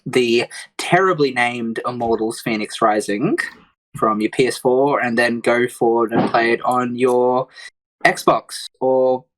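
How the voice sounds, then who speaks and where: Brief: relaxed male panelist, mid-pitched, casual delivery with fillers. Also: slow, poor audio. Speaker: podcast panelist. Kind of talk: casual chat, reading news items.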